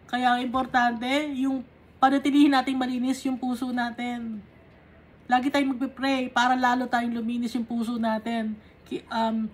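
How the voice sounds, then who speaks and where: A woman teaching a Bible study. She reads verses aloud and then explains them patiently, step by step, checking in with short tag questions. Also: sits high. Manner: mixes English Bible reading with Tagalog explanation.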